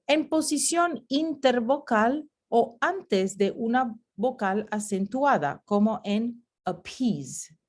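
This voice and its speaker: A woman talks through a recorded slide lesson at an unhurried, careful pace. She says sounds one by one and repeats them for practice, now and then moving into English. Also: medium pitch, darkish tone. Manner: slow, deliberate, repeating sounds for drill; switches between Spanish and English. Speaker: teacher.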